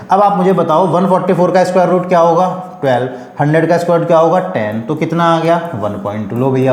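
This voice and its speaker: Man teaching maths, echoey room. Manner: asks the students questions and answers them himself; drops low and soft on the answer at the end of each step. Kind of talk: step-by-step maths lesson in Hindi with English terms.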